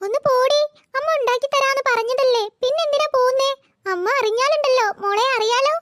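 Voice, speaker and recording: A performer voicing a bossy, dismissive older sister in a cartoon. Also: brisk. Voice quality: very high-pitched. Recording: loud background hiss.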